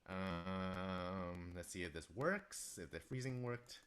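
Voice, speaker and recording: There's slight background noise as a man with a low, slow, somewhat bright voice composes music on stream. Nursing a stuffy nose and sore throat, he chats with viewers and reads their chat aloud.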